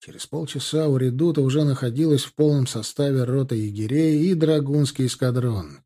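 A man's voice: medium pitch, fairly quick, warm tone. A man narrating a historical war story as an audiobook reader.

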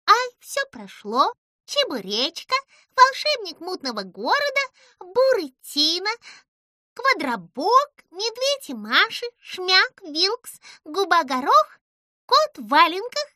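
A little duckling author, puffed up and boastful, whose voice squeaks very high and sparkles with brightness. He swoops up and down as he grandly reels off his achievements, voiced by a woman reading a storybook. The sound is close and dry. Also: no room sound, heavily acted. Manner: grandly reeling off book titles. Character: pompous little duckling writer, male, boastful.

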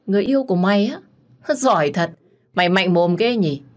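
A woman's voice: on the low side, expressive, normal speed. A woman voicing a furious, scornful middle-aged wife who hurls threats at her rival.

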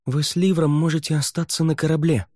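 An earnest young lady of rank, as a male reader puts her on, speaks politely and gently in a raised voice. The tone is sincere and a little pleading. Close, dry audiobook sound. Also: fairly high pitch, steady tone, a little fast, no echo, voice pushed up, lightly acted.

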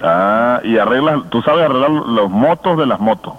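A man's voice: medium pitch, lively intonation, moderate pace. A man with a Venezuelan accent hosts a call-in radio chat, talking in a friendly, joking way. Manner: warm-hearted, chatty, joking. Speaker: radio host. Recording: phone-like radio broadcast.

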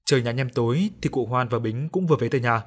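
A man narrating a ghost story in a steady, measured reading. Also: medium pitch. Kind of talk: scripted storytelling. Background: soft music.

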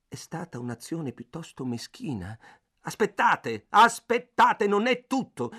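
A male audiobook reader giving a dramatic literary narration. His first-person telling is intense, moving between hushed, gloomy passages and sudden agitated surges. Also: a little high.

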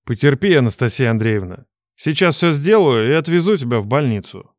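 A woman's voice: very deep voice, big pitch swings, brisk, dry recording, studio quality, voice pushed down. A woman voicing a brash young male lifeguard who talks down in a teasing, condescending drawl. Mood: smug teasing.

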